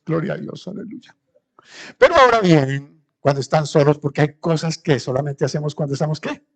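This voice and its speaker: A male pastor preaching a sermon, acting out the voices of the people he quotes with big swings in pitch. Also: brisk, vocal fry. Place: church.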